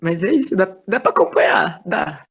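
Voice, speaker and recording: A woman's voice: fairly low pitch, lively intonation, moderate pace, slightly rough. A woman, chatting casually and enthusiastically in an online class over a video call.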